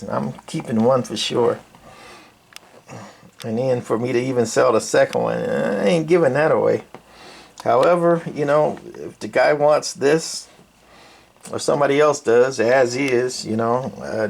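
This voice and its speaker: Rambling along in a folksy, colloquial way, an older radio hobbyist and video presenter walks through his work off the cuff. His voice is medium in pitch with vocal fry, and a little background noise is present.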